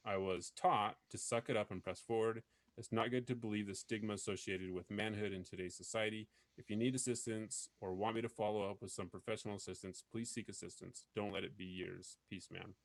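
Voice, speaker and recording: A man's voice: on the low side, steady tone, fairly quick, no echo. A man hosting a podcast, talking earnestly and rambling with many fillers in casual chat. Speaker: podcast host.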